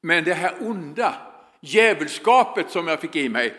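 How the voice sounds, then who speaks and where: Reformed former gang boss , as a speaker quotes him, plain earnest delivery, slightly high voice, long hall echo. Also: male voice, animated, pushed and bright. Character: hardened former gang leader, now reformed.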